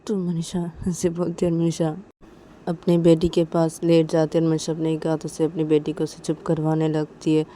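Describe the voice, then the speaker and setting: A woman narrating a story in a casual, repetitive way, her voice low and mellow. Faint hiss runs behind her. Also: completely flat delivery, moderate pace. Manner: plain, repetitive retelling.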